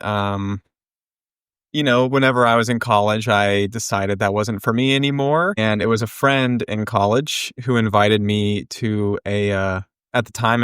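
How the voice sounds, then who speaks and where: A young adult man telling his story in a podcast interview, relaxed and reflective with frequent ums. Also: lowish voice, clear, resonant tone, no room sound, clean studio sound. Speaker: podcast co-host and guest.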